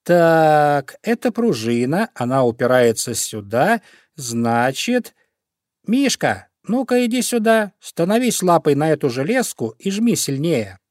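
A man voicing a clever, bossy small male animal in a storybook, giving orders briskly. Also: a little high, big pitch swings, dry recording, studio quality, pitched above the performer's own voice. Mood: commanding. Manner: brisk, commanding.

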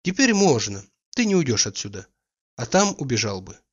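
A man's voice: mid-range voice, moderate pace, husky. A man voicing a playful, teasing young woman in a read-aloud story. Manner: lively, teasing, carefree. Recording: dull lo-fi recording.

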